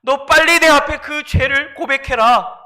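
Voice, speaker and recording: A man voicing God sternly rebuking and commanding sinners to repent, in a loud and urgent tone. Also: high voice, unhurried, creaky, full character voice. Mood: stern rebuke.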